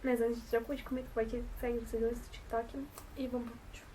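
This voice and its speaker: A woman's voice: fairly high pitch, little pitch movement, fast talker, mellow, distant mic, a little hiss or hum, low-quality recording. A woman in her twenties with a São Paulo coast Brazilian Portuguese accent, chatting casually to camera in a rambling, self-correcting way. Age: 20s. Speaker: vlogger.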